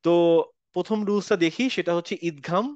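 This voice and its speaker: A patient man leads an online recitation class, walking through each rule step by step and drawing out example words slowly. His voice sits fairly high and smooth. The sound is dry and slightly muffled, like a call. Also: dry recording. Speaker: Quran recitation teacher. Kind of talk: online tajweed class, explaining rules.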